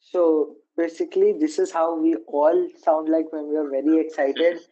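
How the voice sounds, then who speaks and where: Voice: medium pitch, steady tone, normal speed, mellow. A co-host from India speaks in a wry, sarcastic manner during a casual tech chat. The sound is a little muffled and dull. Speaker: podcast co-host.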